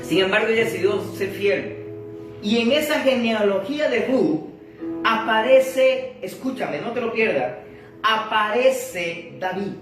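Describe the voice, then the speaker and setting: A male preacher delivers an emphatic sermon at an unhurried pace, repeating words and restarting phrases as he speaks directly to his listeners. He is recorded from well back in a hugely echoing hall, with faint music underneath. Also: high voice, lively intonation, recorded from a distance. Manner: emphatic, addresses the congregation directly.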